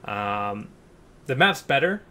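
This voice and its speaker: A man hosting a casual gaming podcast, talking in an animated way and stumbling over repeated words. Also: mid-range voice, slow.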